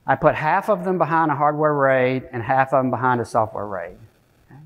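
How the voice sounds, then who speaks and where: On a conference stage by the podium, a middle-aged man delivers a relaxed technical keynote at a medium pitch and a slightly fast pace. He talks conversationally, often checking in with "right?" or "okay?" and clearing his throat frequently. The recording sounds muffled.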